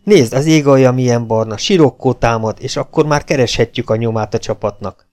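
A man's voice: medium pitch, close to an everyday voice. A man voicing a brutal, scornful legionnaire. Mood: urgent. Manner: harsh, shouting, scornful. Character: brutal hot-tempered male legionnaire. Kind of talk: audiobook character voice.

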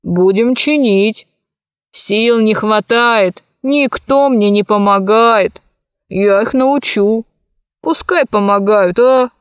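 A woman voicing a forgetful, drowsy old man in an audiobook, speaking slowly and vaguely. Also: medium pitch, smooth, no echo, clean studio sound, natural voice. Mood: muddled. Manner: slow, mumbling, vague. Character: sleepy doddering old man, forgetful sage. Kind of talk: audiobook character voice.

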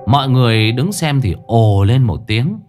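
A man narrating a comic folk story in an animated, mocking way. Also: medium pitch, normal speed, over music.

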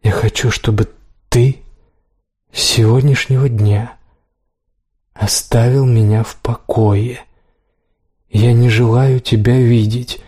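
A man's voice: mid-range voice, fairly even intonation, takes it slowly, pauses often, a little mellow, husky. A man voicing a hurt, defiant young woman in a love story, with pleading, tearful outbursts. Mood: cold.

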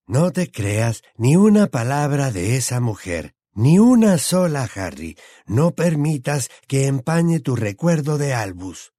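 A man voicing a quavering old wizard, high and halting. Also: sing-song, mellow, breathy edge, no echo, clean studio sound, heavily acted. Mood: indignant. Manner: slow, quavering, earnest delivery. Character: old male wizard, emotional and fussy. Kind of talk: audiobook character voice.

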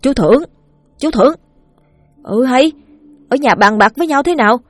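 A woman's voice: sits high, animated, moderate pace, no room sound, faint music behind, voice pushed up. A woman voicing a bold young boy ghost hunter, urging and commanding in a raised voice. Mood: urgent. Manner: urgent, commanding.

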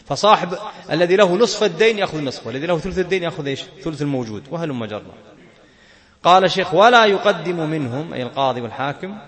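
Fast-talking male teacher. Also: fairly high pitch, expressive, a bit bright. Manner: questions and answers himself, laughs now and then. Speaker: Islamic jurisprudence teacher. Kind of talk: explaining a fiqh text.

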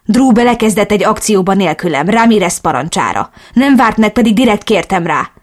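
Woman reading a brisk reassuring man. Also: mid-range voice, animated, natural voice. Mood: tense. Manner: blunt, swears when angry. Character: adult male helper, brisk and reassuring. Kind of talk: audiobook dialogue reading.

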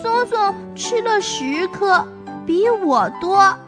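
A woman's voice: extremely high pitch, expressive, slow, over music, full character voice. A woman voicing a gullible little boy who talks with eager, childish pleading.

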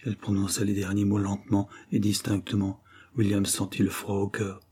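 Low, husky male audiobook narrator. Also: little pitch movement, brisk, a little mellow. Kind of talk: scripted novel narration.

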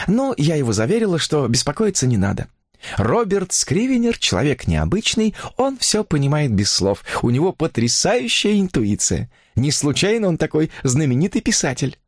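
A man's voice: on the high side, sing-song, normal speed, slightly rough, dry recording, clean studio sound, voice pushed up. Man putting on a gushing young woman.

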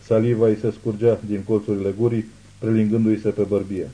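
A man narrating an audiobook thriller in a measured, ominous reading. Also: fairly low pitch, little pitch movement, mellow, low-quality recording. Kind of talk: scripted narration.

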